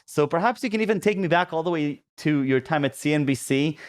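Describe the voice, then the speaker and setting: A man's voice: on the high side, animated, brisk. A man hosting a podcast interview, asking loose conversational questions with fillers and restarts. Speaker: podcast host.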